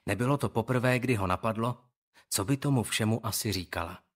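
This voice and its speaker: A man reading an audiobook in calm, measured scripted narration. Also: on the low side.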